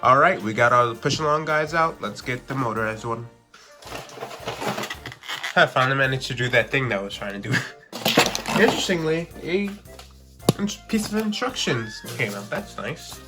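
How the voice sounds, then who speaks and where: Stuffy-nosed man reviewing toys. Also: medium pitch. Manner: rambling, chatty, lots of "like" fillers. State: stuffy, congested from a cold. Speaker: toy reviewer. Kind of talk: casual unboxing review.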